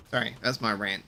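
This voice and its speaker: A man's voice: fairly low pitch, vocal fry, pushed and bright. A man streaming a game, chatting casually in a rambling, ranting way and swearing freely. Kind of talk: casual chat while gaming.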